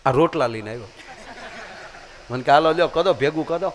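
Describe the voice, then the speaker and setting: Animated storyteller man. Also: fairly high pitch, a little fast, slight background noise. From Gujarat, India. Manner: animated, shifts voices for characters. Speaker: dayro storyteller. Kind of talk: live comic folk storytelling.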